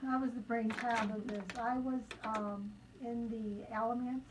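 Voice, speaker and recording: A woman guest on a radio show, talking through her craft at an unhurried pace. Her voice sits fairly high for a woman, with a faint hiss in the background. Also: steady tone. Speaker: fiber artist and tour organizer.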